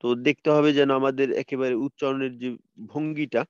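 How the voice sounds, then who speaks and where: A man's voice: mid-range voice, little pitch movement, brisk, smooth, no room sound, lo-fi sound. A man teaching a tajweed lesson over a video call, patiently repeating letter sounds for his students to copy. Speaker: Quran recitation teacher.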